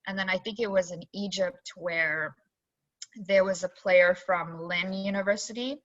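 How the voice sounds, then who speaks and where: A young woman from Zambia, an assistant golf coach, telling her story in a chatty, animated way full of fillers on a video call. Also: mid-range voice, unhurried. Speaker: assistant college golf coach, interview guest. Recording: dull lo-fi video call audio.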